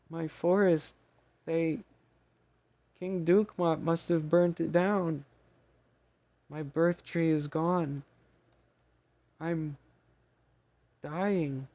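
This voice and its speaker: A man doing a tiny squeaky fairy woman, weak and despairing, halting words, raised voice, storybook creature, dry sound. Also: fairly even intonation, warm tone, no room sound. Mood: grieving. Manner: faltering, halting speech.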